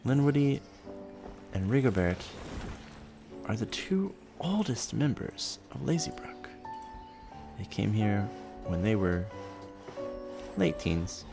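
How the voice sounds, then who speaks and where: A man rambling softly and sleepily, musing gently and without hurry in short phrases as he hosts. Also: on the low side, creaky. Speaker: host of a relaxed rambling show. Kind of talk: soft sleepy rambling, narrating a town-building game.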